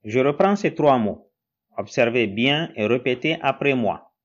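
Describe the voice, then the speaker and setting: Slow, patient male teacher. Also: mid-range voice, animated, muffled recording. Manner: slow, patient, spells out syllables. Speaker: Quran reading teacher. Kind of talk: recorded lesson narration.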